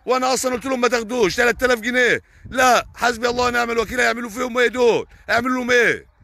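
A man's voice: very high-pitched, steady tone, very fast, vocal fry, sharp tone, no room sound. A young man with an Egyptian Arabic accent, a farmer on a live stream answering viewers' comments in a heated, indignant way with repeated oaths. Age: young adult.

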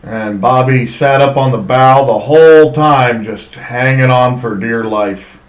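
A middle-aged man, a fishing charter captain, telling what happens on his trips in a relaxed voice-over. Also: mid-range voice, reverberant, poor audio. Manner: slow, easygoing storytelling. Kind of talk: voice-over narration.

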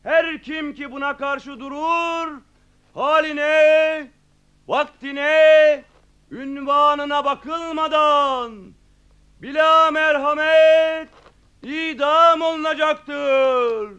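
An actor playing a village town crier, making a slow, drawn-out, declamatory public proclamation. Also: male voice, very high voice, steady tone, pushed and bright, exaggerated voice. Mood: solemn proclaiming. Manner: slow, declamatory, stretching words in short phrases.

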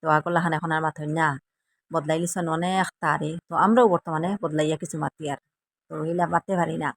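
A woman's voice: low-pitched, fairly even intonation, fast talker, a little hiss or hum. A woman from Assam with a Sylheti accent, chatting to viewers in a casual cooking vlog in a rambling, chatty way. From Assam, India. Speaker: vlogger.

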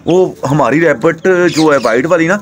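A young man hosting a casual pet vlog at home, chatting excitedly and coaxing his animals. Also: a little high, normal speed, a little hiss or hum. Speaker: pet vlogger.

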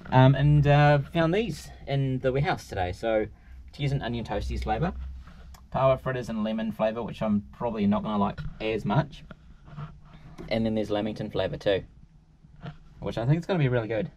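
Low-voiced Kiwi guy vlogging, muffled noisy audio. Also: normal speed, a little mellow. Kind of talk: casual chat to camera, food taste test. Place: inside a parked car. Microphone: camera at arm's length. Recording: dull, noisy in-car camera audio.

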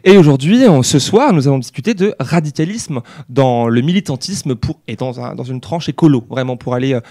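A man's voice: medium pitch, animated, brisk, dark tone. A young man hosting a casual discussion on a handheld mic, phrasing loosely with fillers. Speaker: host.

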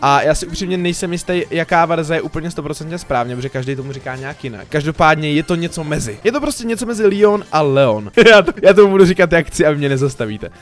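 A man hosting a gaming channel, giving chatty, excitable gameplay commentary that he addresses straight to his viewers. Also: a little high, hardly any pauses. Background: faint background music.

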